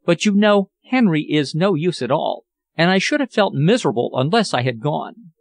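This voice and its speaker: A man's voice: fairly high pitch, very animated, normal speed, vocal fry, dry recording, clean studio sound. A man voicing an anxious, refined English lady in an audiobook, speaking in an earnest, genteel, sorrowful way. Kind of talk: audiobook character voice.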